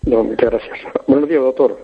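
Man on a phone line, gravelly, husky, polite caller, hesitant, tinny sound. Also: mid-range voice, steady tone, brisk. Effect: heard over the phone. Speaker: radio caller. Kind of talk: casual call-in chat.

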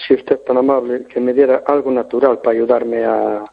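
A man's voice: medium pitch, steady tone, fairly quick, vocal fry, breathy edge. A man calling in to a radio show over the phone, talking politely and hesitantly with many restarts. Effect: heard over the phone. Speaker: radio caller. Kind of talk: casual call-in chat. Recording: tinny phone line.

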